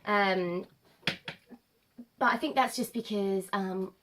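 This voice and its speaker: A woman in her late twenties, nasal from a cold, chatting to camera as a vlogger, rambling with many pauses and ums. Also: medium pitch, background noise. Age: late 20s. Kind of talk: casual chat to camera.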